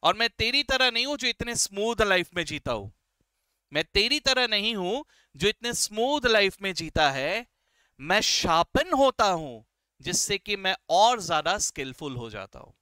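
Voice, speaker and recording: A male teacher voicing a wise, patient pencil in a fable, speaking in a calm, fatherly way. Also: high-pitched, normal speed, clear, resonant tone, no room sound, studio quality, heavily acted. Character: wise, patient pencil lecturing a boastful pen.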